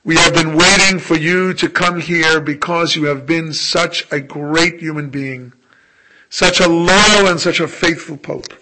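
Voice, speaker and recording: A man voicing a gracious male Saint Peter who greets a newcomer at heaven's gate formally and warmly. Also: on the high side, steady tone, unhurried, a little hiss or hum, rough recording. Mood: solemn. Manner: formal, welcoming.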